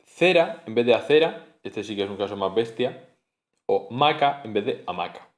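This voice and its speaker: A man's voice: lowish voice, lively intonation, normal speed. A man giving a spoken phonetics lesson, explaining patiently and repeating sounds and example words aloud. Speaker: teacher.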